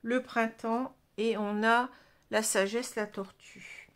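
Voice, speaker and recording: A woman's voice: on the high side, steady tone, slow. A woman with a French accent giving a casual tarot reading, chatty, with many restarts and tag words. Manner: chatty, frequent "hein" and restarts. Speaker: tarot card reader.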